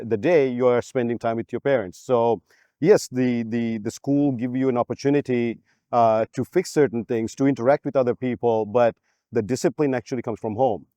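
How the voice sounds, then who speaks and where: Man, mellow dark tone, dry sound, measured explanatory delivery. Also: medium pitch, no echo. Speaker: alumnus guest. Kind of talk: casual interview answer.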